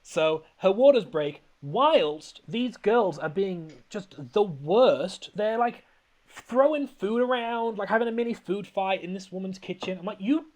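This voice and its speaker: A man's voice: high-pitched, expressive, a little slow. A man hosting a podcast, rambling and laughing as he recaps a film in casual comedic chat. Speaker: podcast host.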